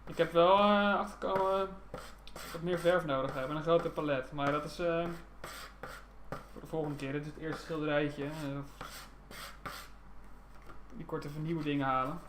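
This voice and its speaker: A man's voice: a little high, fairly even intonation, normal speed, pauses often, fairly bright tone. A man chatting casually and informally as he paints along with a tutorial, commenting on his own progress. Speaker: hobby painter following a tutorial. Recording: roomy, slightly noisy home recording.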